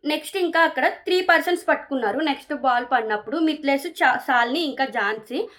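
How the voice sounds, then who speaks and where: Woman, chatty show reviewer, rapid delivery, animated retelling. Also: high voice. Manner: animated retelling, quoting contestants' lines. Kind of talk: casual episode review.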